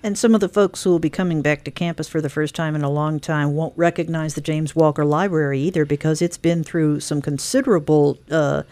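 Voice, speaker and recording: A woman with a fairly low voice hosts a radio talk segment. She moves briskly from one item to the next, promoting each event on the list. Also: fairly even intonation, dark tone. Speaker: radio show host. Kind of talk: scripted-sounding radio interview.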